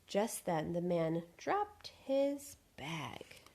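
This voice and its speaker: Husky woman reading a picture book. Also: lowish voice, drawn-out words. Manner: expressive, animated storytelling. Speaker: storyteller.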